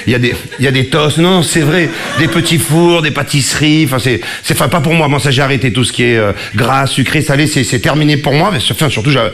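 A man, doing a rambling, self-mocking stand-up routine with quick asides and stammered restarts. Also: mid-range voice, a bit bright. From Marseille, southern France. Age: 40s. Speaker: stand-up comedian. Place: live comedy stage before an audience. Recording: live show with crowd noise. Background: audience laughter.

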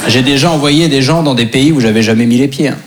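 A young adult man with a French accent does a conversational stand-up set, poking fun at himself in front of a live audience. He speaks quickly in a mid-range voice, and the crowd's laughter can be heard throughout the recording.

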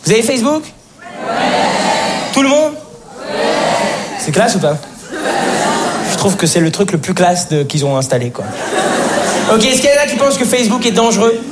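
A young man doing stand-up, his high voice swooping up and down as he rattles through his bits. The live stage recording is noisy. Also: moderate pace, pauses often. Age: teens. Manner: lively, jumps into shrill put-on voices. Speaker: stand-up comedian. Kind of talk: stand-up comedy. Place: theatre stage. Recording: live show, noisy crowd.

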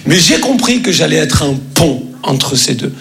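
A man's voice: a little high, sing-song, moderate pace, gravelly, a bit bright, faint music behind. A man doing a stand-up comedy set on a stage before a live audience, telling a story and acting out the dialogue. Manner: storytelling, acts out dialogue, bursts into mock singing.

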